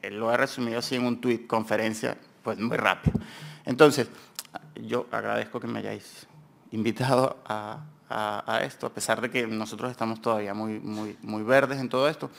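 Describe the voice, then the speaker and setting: Gravelly and fairly low, this man's voice holds a steady tone at a normal pace. He has a Peninsular Spanish accent and is giving a conference talk on his research in a university seminar room, wandering informally and correcting himself repeatedly.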